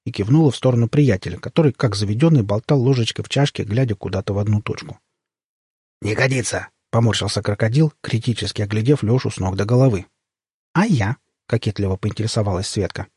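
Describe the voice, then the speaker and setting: A man narrating a humorous story in a wry, expressive reading voice, with a husky tone. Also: fairly low pitch, fast, dry recording, studio quality. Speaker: audiobook narrator.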